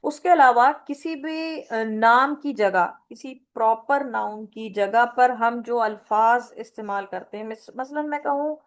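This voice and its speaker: A woman teacher giving a grammar lecture, explaining slowly with repeated examples and mixing English terms into her speech. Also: fairly high pitch. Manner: mixes English terms into Urdu. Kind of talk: online Arabic grammar lecture.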